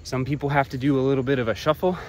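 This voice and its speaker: A man vlogging hiking tips while walking a trail outdoors, relaxed and a bit profane, talking between breaths. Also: mid-range voice, very fast, a little hiss or hum. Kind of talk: casual talk while hiking. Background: crickets and insects.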